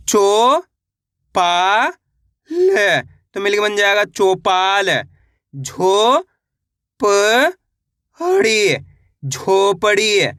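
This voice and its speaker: Slow, patient man teaching reading. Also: high-pitched, pushed and bright, no room sound, clean studio sound. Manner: sounds out syllables one at a time, then blends them; asks the viewer questions.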